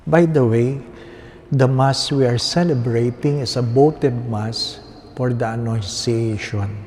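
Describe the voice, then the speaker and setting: Male priest, Filipino accent, unhurried and mellow, solemn liturgical delivery in long cathedral echo. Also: medium pitch, slight background noise. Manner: measured, deliberate, pausing between short phrases. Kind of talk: solemn scripture reading and homily. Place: inside a large reverberant church.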